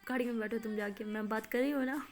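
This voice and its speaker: Naive sweet young woman, easygoing and apologetic, a woman reading the part, highish voice. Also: fairly even intonation, fast, lightly acted. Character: clumsy, naive, good-natured young woman, Alia.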